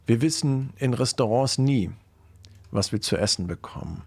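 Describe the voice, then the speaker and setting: A man telling horror stories on a livestream in calm, hushed narration. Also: medium pitch, normal speed. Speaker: horror storyteller.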